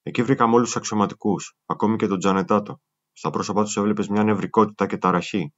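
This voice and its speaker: A man's voice: lowish voice, fairly even intonation. Grave man reading a memoir, muffled. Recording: muffled lo-fi recording.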